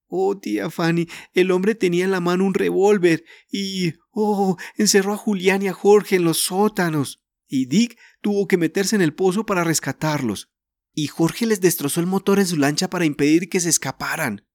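A woman's voice: lowish voice, normal speed, darkish tone, no echo, clean studio sound, pitched above the performer's own voice, natural voice. A man voicing a frightened young girl, pleading through sobs in a storybook reading. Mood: tearful pleading. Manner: pleading, sobbing.

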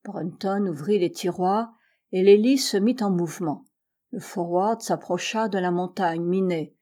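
Female audiobook reader, warm dark tone, steady measured storytelling. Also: lowish voice. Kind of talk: audiobook narration of a classic novel.

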